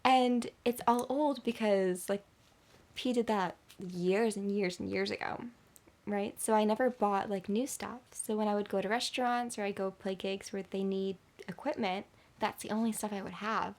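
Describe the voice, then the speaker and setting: A woman's voice: mid-range voice, steady tone, moderate pace, darkish tone. A young woman, a musician guest on a podcast, talking casually and hesitantly with lots of fillers and laughs. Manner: hesitant, many likes, giggly. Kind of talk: casual chat.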